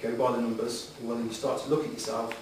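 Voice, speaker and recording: A middle-aged man giving earnest, slightly hesitant answers in a formal interview before a room, with measured phrasing. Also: mid-range voice, level tone. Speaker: job applicant answering interview questions. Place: echoey meeting room, addressing the room. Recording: very echoey hall, distant mic, background noise.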